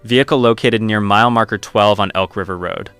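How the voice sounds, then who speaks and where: A man voicing a calm male radio announcer reading an official bulletin. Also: on the low side, brisk, smooth, no echo, soft background music.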